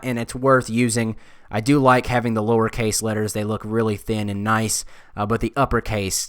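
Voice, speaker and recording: Young man, smooth clear tone, dry close sound, relaxed, lots of uhs. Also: on the low side, no room sound. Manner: relaxed, thinking aloud with frequent uhs. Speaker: design video creator. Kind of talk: casual screen-recorded tutorial talk.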